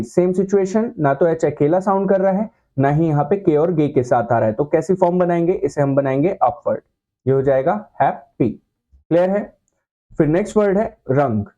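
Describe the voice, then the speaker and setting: A man with a fairly high but mellow voice teaches a shorthand class, patiently quizzing the students and answering his own questions. The recording sounds dull and lo-fi. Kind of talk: classroom lesson.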